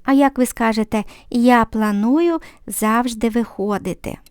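A woman teaching a language lesson, patiently explaining grammar and repeating example sentences slowly and clearly. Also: on the high side, a little mellow, no echo.

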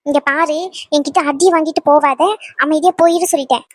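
A woman's voice: sits high, fairly even intonation, brisk, no echo, lightly acted. A woman voicing a young woman who firmly tells a pushy ex-lover to back off, in a cartoon dub. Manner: firm, scolding. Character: young woman turning away her pushy ex.

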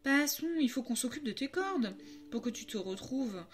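A woman reading a children's storybook aloud, voicing a kind male pony who speaks in a reassuring, brisk manner. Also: on the high side, animated, lightly acted.

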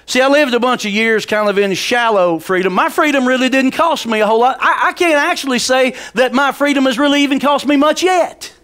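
Pastor guy, pretty high voice, headset mic, pacing the church stage, folksy preaching. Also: a little fast, few pauses. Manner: folksy, calls on the congregation, rises to loud preaching; paces the stage, gesturing. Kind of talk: sermon. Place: large church sanctuary stage.

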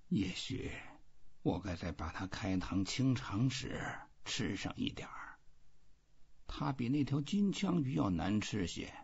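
A man reads the part of a weary old fisherman from a storybook, stoic and reflective, quietly musing to himself at a slow pace. His mid-range, darkish voice is very breathy and husky, exaggerated, with big free pitch swings, and the audio is a little muffled.

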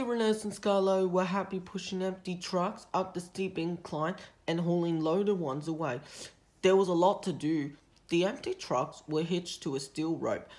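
A woman reading a children's storybook aloud in a steady, expressive way. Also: sits low.

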